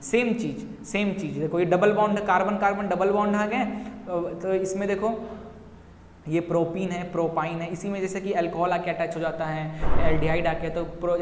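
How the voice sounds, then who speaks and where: A man's voice: high-pitched, darkish tone. A young man teaching chemistry at a whiteboard, talking directly to his students and repeating key points to coax them along. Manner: repetitive, coaxing, addresses students directly. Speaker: science teacher. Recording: echoey room with long reverb, faint noise.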